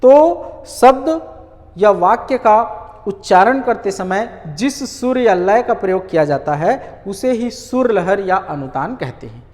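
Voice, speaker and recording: Man teaching grammar, lively pitch, echoey. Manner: asks rhetorical questions and answers them himself; repeats key words slowly for emphasis. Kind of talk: online grammar lesson.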